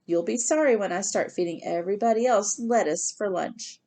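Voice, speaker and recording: A woman's voice: mid-range voice, moderate pace, mellow, natural voice. A woman reading the part of a cheerful mother who teases and jokes in a playful way. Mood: teasing. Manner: playful, joking.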